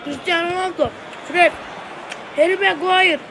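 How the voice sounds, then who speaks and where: A streamer giving casual commentary while playing a mobile football game, excitable and swearing and shouting at their own players, voice going hoarse. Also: very high voice, normal speed, noisy background.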